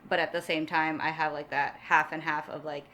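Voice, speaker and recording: A woman's voice: brisk, a little hiss or hum. A woman from New York City, a guest in a casual chat, talking animatedly and acting out quotes with frequent laughs. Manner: animated, acts out quotes in a high voice, laughs often.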